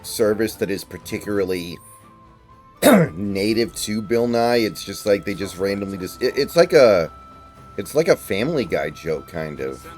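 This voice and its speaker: Deep-voiced man picking apart a cartoon. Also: animated, moderate pace, darkish tone, soft background music. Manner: analytical, profane, rambling. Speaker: streamer. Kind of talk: casual chat over gameplay.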